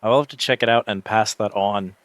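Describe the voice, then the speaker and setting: A man's voice: on the low side, fairly even intonation, brisk, a bit bright, slight background noise. A man hosting a livestream, chatting casually over a game in a rambling, reflective way and often searching for words. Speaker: livestream host. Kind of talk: casual livestream chat while gaming.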